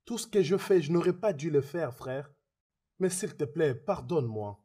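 A man's voice: on the high side, animated, moderate pace, mellow, husky. A man dubbing a remorseful man who begs forgiveness, repeating his apologies and swearing oaths, in a French film dub. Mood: pleading.

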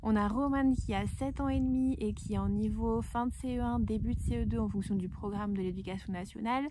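A woman vlogger and parent explaining things chattily to her viewers, in a low-quality recording from a nearly empty, echoing house. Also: steady tone, a little fast. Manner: chatty, addresses viewers directly. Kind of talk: explanatory vlog talk to viewers. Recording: noisy, echoey low-quality home recording.

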